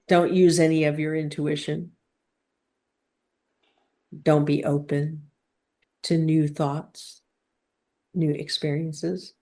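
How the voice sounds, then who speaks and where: The speaker is a woman teaching a spiritual session in a low-pitched, darkish voice. She talks in measured, halting phrases, pausing for emphasis and prompting her listeners with guiding questions.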